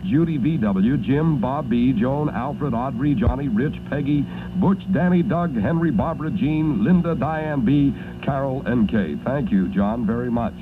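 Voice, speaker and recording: A man's voice: medium pitch, animated, unhurried, hardly any pauses. Tinny vintage radio DJ, American man. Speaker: radio disc jockey. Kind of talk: 1950s radio DJ reading listener dedications. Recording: noisy, tinny vintage radio broadcast recording.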